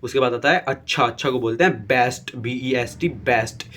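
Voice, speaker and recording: A man teaching English vocabulary, slowly spelling each word letter by letter and often checking in with his viewers. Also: medium pitch, fairly bright tone. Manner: spells words letter by letter, repeats "theek hai". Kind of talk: slow dictation-style vocabulary lesson.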